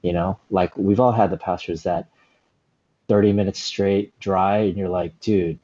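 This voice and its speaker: A man in his forties, a stand-up comedian, telling stories in a relaxed, rambling way with lots of "you know" and "like". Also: sits low, unhurried, lo-fi sound. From Southern California, USA. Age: 40s. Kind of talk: casual interview storytelling.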